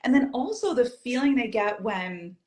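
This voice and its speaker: A woman's voice: fairly high pitch, lively intonation, normal speed, darkish tone, roomy sound. A woman chatting as an interview guest, telling stories and acting out her own past thoughts. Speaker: guest, community group founder. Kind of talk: casual interview chat.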